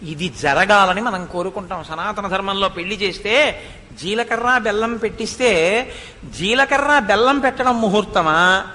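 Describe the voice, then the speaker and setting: A man's voice: sits high, moderate pace, pushed and bright. A man giving a devotional discourse, telling the story expressively, asking rhetorical questions and reciting Sanskrit verses. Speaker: religious discourse speaker. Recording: long hall reverb.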